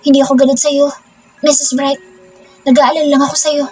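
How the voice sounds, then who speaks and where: A woman doing a curt, brusque rich husband, raised a bit in pitch. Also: little pitch movement, fairly quick, a little mellow, soft background music, natural voice. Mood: tender teasing. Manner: curt, then teasing. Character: irritable rich young husband, male. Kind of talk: storybook reading.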